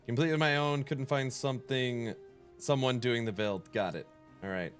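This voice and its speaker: Nasal from a cold, a male game streamer answers viewer questions aloud in relaxed, casual live-stream chat. He speaks at a moderate pace in a mid-range voice, over soft background music.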